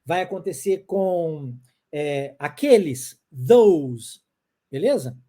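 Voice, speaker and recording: A Brazilian woman teaching a live online lesson, her voice dark and a little husky. Her pitch rises and falls a lot. She repeats each example and keeps checking that her viewers follow. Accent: Brazilian Portuguese. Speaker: English teacher.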